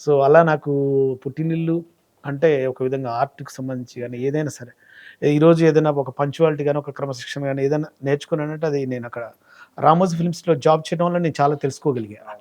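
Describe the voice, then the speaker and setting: Guy from telangana, comedian chatting in an interview, talks quick, kinda high voice. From Telangana, India. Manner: animated storytelling, acts out quoted voices. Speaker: comedian and mimicry artist guest. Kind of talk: casual interview chat.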